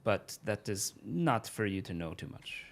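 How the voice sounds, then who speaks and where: A man's voice: lowish voice, big pitch swings, a little slow, creaky, full character voice. A man voicing a wary, guarded female gang member with formal, clipped phrasing in a tabletop game. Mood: guarded, puzzled.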